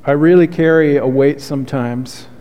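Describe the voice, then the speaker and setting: With a voice on the high side and a moderate pace, a man delivers a sermon as pastor. He sounds earnest, heartfelt and soothing, slipping in soft confessional asides, while a long hall reverb trails his words.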